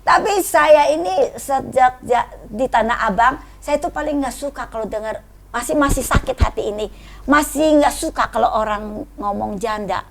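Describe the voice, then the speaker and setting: A middle-aged woman sharing a personal testimony in casual chat, an animated storyteller who laughs often and acts out the voices of the people she quotes. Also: on the high side, moderate pace, gravelly, slight background noise.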